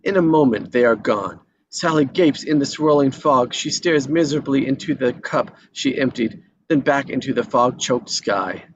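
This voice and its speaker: The reader of stage directions, a man at a screenplay table read, narrates action lines at medium pitch and normal speed with few pauses, though he occasionally trips over and repeats words. Background noise accompanies the dull, lo-fi recording.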